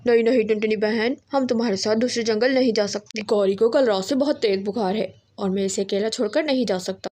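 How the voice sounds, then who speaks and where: A woman's voice: a little high, brisk, hardly any pauses, darkish tone, close to an everyday voice. A woman voicing a scheming male crow in a cartoon story, talking boastfully and conspiratorially. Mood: pleading.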